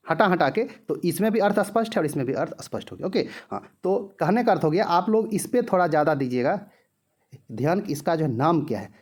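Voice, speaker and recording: Explaining Hindi teacher with filler phrases. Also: male voice, fairly high pitch. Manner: heavy use of filler "jo hai", rhetorical questions answered himself; repeats example sentences slowly. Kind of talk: exam-prep grammar lesson.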